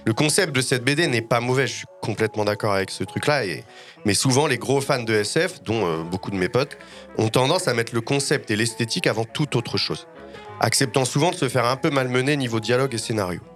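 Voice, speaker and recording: A man's voice: mid-range voice, expressive, fairly quick, a bit bright, faint music behind. A man reading his ironic, opinionated critique column on a podcast, mocking himself along the way.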